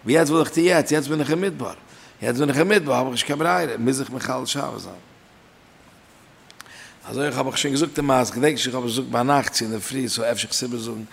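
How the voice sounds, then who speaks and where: A man's voice: medium pitch, fast, creaky, husky, in a large hall. A man teaching a Torah lesson in a sing-song study chant, his emphasis rising and falling. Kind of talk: Talmudic lecture in Yiddish-inflected German.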